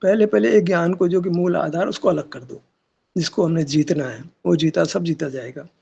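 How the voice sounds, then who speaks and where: A man's voice: on the high side, moderate pace, vocal fry, darkish tone, husky. A man teaching at a meditation session, arguing his point with rhetorical questions and casual asides. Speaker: spiritual teacher. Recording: dull lo-fi recording.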